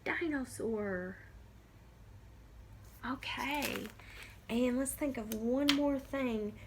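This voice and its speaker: A young woman teaching kindergarten phonics, sounding out letters slowly and praising the children. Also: sits high, fairly even intonation, background noise. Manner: slow, encouraging, sounds out letters.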